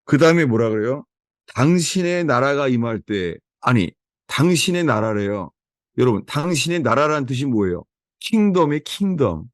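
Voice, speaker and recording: Lively Korean-speaking male preacher. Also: mid-range voice, moderate pace, dry recording, clean studio sound. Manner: emphatic, asks the listeners rhetorical questions. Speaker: pastor. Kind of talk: sermon. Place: small house-church gathering.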